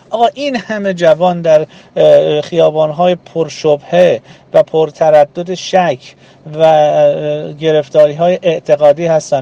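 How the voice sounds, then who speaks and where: A man giving an earnest religious talk to a group, speaking in rhythmic lists with frequent pauses. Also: on the high side, warm tone, muffled recording.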